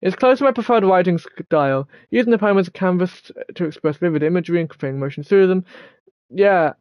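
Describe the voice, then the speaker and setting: A man's voice: high-pitched, fast talker, clean tone, no echo, highs cut off. A young man hosting a casual gaming let's-play, reading game text aloud and stumbling over words here and there. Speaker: gaming video host.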